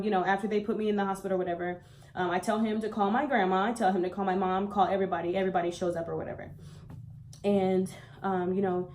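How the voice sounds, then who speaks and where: A woman's voice: mid-range voice, a little hiss or hum. A young woman vlogger casually telling a personal story, acting out what people said along the way. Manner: animated retelling, acts out quoted lines.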